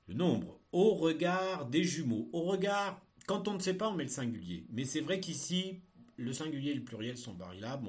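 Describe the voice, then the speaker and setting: A male teacher dictating a text in deliberate word groups and explaining the grammar for proofreading in a didactic way. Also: medium pitch. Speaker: French teacher.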